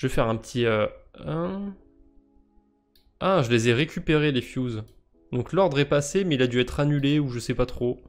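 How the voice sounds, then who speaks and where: A man's voice: medium pitch, animated, normal speed, faint music behind. Joking French man streaming crypto quests. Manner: joking, self-mocking, thinks aloud with fillers. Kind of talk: casual live-stream commentary.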